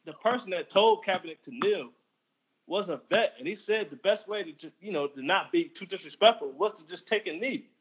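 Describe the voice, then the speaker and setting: A man's voice: high voice, lively intonation, a little fast, husky, dull audio. A man co-hosting a podcast in casual chat, talking bluntly and heatedly with plenty of swearing. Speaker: podcast co-host.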